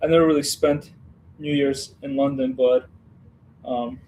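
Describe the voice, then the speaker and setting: A man's voice: mid-range voice, fairly even intonation, measured pace, dark tone, slight background noise, poor audio. A man from Western Ukraine hosting a casual building livestream, chatting and rambling with viewers as he works. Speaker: livestream host building a model set.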